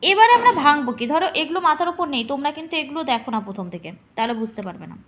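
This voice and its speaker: A woman teacher explaining poetic meter to students, speaking to them directly and drawing out syllables slowly to demonstrate. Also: high voice, sing-song, fairly bright tone, a little hiss or hum. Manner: addresses students directly, checking understanding.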